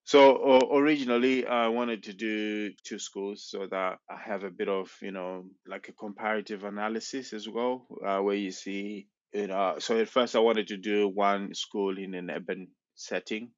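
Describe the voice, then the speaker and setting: A man's voice: lowish voice, fairly even intonation, normal speed, hardly any pauses, no echo. A young man, a researcher being interviewed on a podcast, explaining his work in a hesitant way with many restarts. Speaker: PhD researcher guest. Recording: dull, dry sound.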